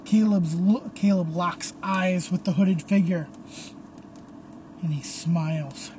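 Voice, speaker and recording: A storyteller narrating a violent horror scene in a slow, deliberate, hushed reading. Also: mid-range voice, noisy background.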